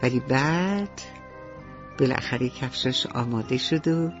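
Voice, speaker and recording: Woman bedtime-story narrator for kids, dull lo-fi radio sound, soft music beneath. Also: a bass voice. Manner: gentle, addresses children directly.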